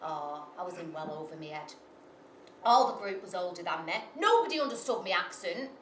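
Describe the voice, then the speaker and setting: In this live comic monologue, a brash woman mocks herself, swears freely and keeps turning to the crowd. She speaks briskly in a lowish, somewhat bright voice with lively intonation. The recording comes from far off in an echoey venue and carries a little hiss or hum.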